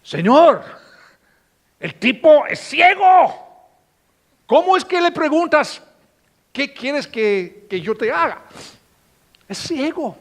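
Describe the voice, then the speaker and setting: A man voicing an exasperated male disciple who shouts in disbelief, as part of a sermon. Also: very high voice, very animated, takes it slowly, long pauses, pitched above the performer's own voice, heavily acted. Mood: incredulous. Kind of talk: dramatized Bible scene in a sermon.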